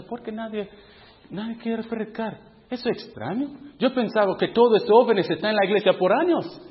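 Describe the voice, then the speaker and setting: High-voiced man preaching in an echoing hall. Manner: conversational, asks the audience questions, acts out his own inner dialogue. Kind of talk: testimony sermon to youth. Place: church hall with a youth group. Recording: muffled sound with long hall reverb.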